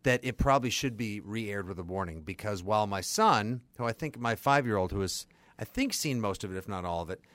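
Animated, joking man on a podcast. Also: on the low side, dry recording. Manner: animated and profane, quick asides. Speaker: podcast co-host. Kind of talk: casual chat.

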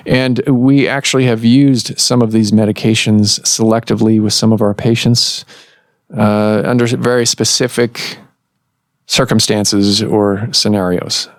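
A man hosting a medical podcast, explaining things in a measured way with pauses and restarts. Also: on the low side, dry recording, clean studio sound. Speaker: podcast host and surgeon. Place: office recording room.

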